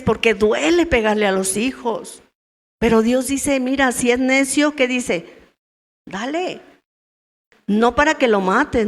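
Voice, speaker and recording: A middle-aged woman gives a chatty church teaching to a group of women. Her voice sits fairly high, and she keeps checking in with her listeners through questions. The sound carries a long echo from the church hall. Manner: conversational, asks the audience questions. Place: church meeting room.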